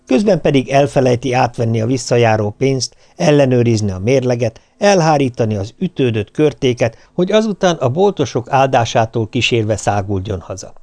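A man narrating an audiobook with a wry, lively storytelling manner. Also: medium pitch, few pauses, no room sound. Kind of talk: audiobook reading.

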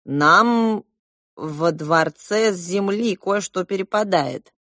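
A woman voicing a spoiled, capricious young prince who is bossy and excitable. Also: on the low side, slow pace, no echo, studio quality.

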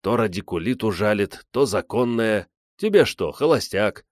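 A man's voice: lowish voice, animated, normal speed, no room sound, studio quality, natural voice. A man playing a sly old polar explorer with a teasing manner who spins tall tales. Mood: joking.

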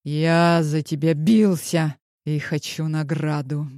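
A woman's voice: deep voice, little pitch movement, takes it slowly, a little mellow, no echo, clean studio sound. A woman reading an audiobook voices a playful, teasing male boss. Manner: teasing, grumbling. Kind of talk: audiobook character voice.

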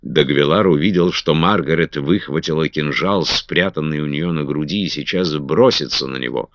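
A man narrating a novel in a steady, dramatic storytelling tone, on a dull, dry recording. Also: very deep voice, moderate pace, no room sound. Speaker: audiobook narrator. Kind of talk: scripted narration.

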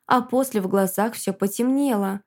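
A woman narrating a first-person fantasy story in a measured, dramatic storytelling manner. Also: medium pitch, a little mellow. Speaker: audiobook narrator.

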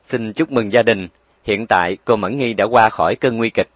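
A man voicing a calm, kindly male doctor speaking politely. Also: on the low side, moderate pace, no echo, natural voice. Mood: reassuring.

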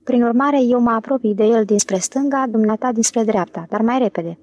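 A woman's voice: a little high, a little mellow, no room sound, close to an everyday voice. A woman voicing an impatient, bossy young man in an audiobook.

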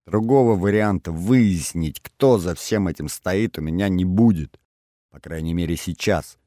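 Guy with a low voice reading a novel out loud, wry and ironic, dry close sound. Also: unhurried, dry recording. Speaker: audiobook narrator. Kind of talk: first-person audiobook narration.

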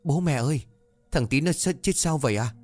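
A man's voice: a little high, animated, brisk, darkish tone, no room sound, voice pushed up. A man voicing a timid, curious young village boy who asks frightened, pleading questions. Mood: anxious.

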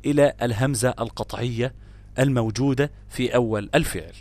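A man's voice: mid-range voice, a little fast, a little mellow, no echo. Egyptian man teaching Quran recitation rules. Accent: Egyptian Arabic. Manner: repeats example words with emphatic stress, asks and answers his own questions; switches between classical Arabic and colloquial asides. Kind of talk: tajweed lesson explaining grammar rules.

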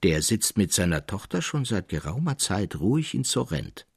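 A man voicing a calm old male broker who speaks slowly and low. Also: gravelly, husky, no echo, studio quality, exaggerated voice.

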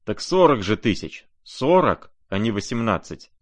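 A man's voice: on the low side, sing-song, moderate pace, pitched above the performer's own voice. A man voicing a drunk, reckless young merchant who bellows and boasts as he raises his bid. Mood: shouting.

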